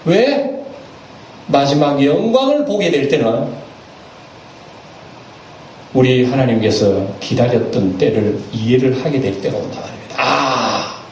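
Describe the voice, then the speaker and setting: A man, preaching a sermon as senior pastor. He talks in a lively way, asks the congregation questions and acts out little asides. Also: medium pitch, a little slow, pauses often. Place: church sanctuary. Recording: echoey church hall, picked up from a distance, faint room noise.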